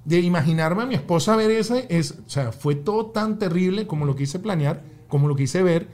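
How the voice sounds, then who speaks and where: Emphatic high-voiced man telling a story. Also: moderate pace. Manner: emphatic and animated, swears he is telling the truth, acts out shouts. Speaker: guest, father. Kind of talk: conversational storytelling.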